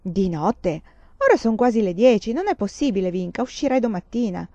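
A woman reading a novel voices a patient nun trying to calm a girl. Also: mid-range voice, normal speed, dry recording, lo-fi sound, lightly acted. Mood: soothing. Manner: soothing.

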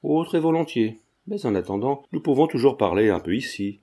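A man reads the part of a sly, genial old retired druggist who feigns deafness, sounding like a storybook character. His pitch is ordinary and his tone dark and mellow, with an animated, brisk delivery.

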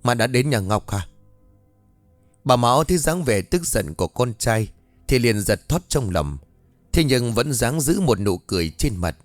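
A man narrating a scripted ghost story with expressive, animated storytelling. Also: mid-range voice, moderate pace, dry recording. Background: faint background music.

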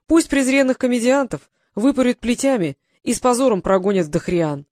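The audiobook narrator voicing a cold, imperious male transparent god who speaks in measured pronouncements. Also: mid-range voice, a little mellow, no room sound, studio quality, pitched above the performer's own voice, lightly acted.

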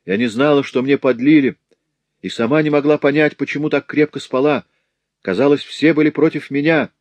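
A man's voice: on the high side, fairly even intonation, brisk, no room sound, pitched above the performer's own voice, close to an everyday voice. A man reading a story aloud, voicing a wronged young working woman telling of her ordeal. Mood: anguished. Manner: pleading, anguished.

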